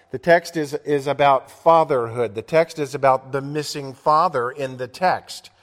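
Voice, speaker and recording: A man delivering a sermon as pastor, earnest and measured, slowing down to stress key words and reading scripture aloud. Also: mid-range voice. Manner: earnest, measured preaching with slowed emphasis and quoted scripture. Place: church. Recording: long church reverb.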